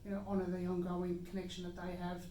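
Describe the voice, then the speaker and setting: A woman's voice: on the low side, completely flat delivery, fast, mellow, slight background noise. An Australian woman hosting a podcast, upbeat and a bit hesitant, with many fillers as she chats. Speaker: podcast host. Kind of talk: casual conversation. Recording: echoey room, mic at a distance.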